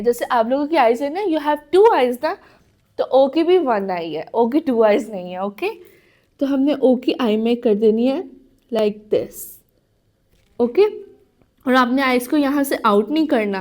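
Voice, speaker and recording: High-voiced teacher for small children. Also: female voice, animated, measured pace, a little mellow. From Pakistan. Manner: patient, asks and answers her own questions, mixes Hindi-Urdu and English. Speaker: playgroup English teacher. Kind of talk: recorded classroom lesson.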